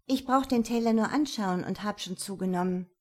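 A woman voicing a wry, sharp-tongued female detective in a storybook reading. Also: medium pitch, moderate pace, close to an everyday voice.

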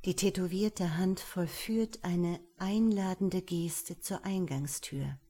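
A woman narrating a suspense audiobook in a measured, hushed manner. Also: lowish voice.

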